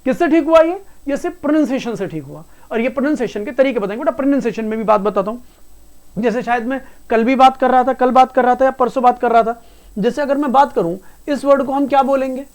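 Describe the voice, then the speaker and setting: A male English teacher lectures his class patiently, repeating himself and addressing the students as "beta." He talks fast in a very high-pitched voice with a somewhat dark tone.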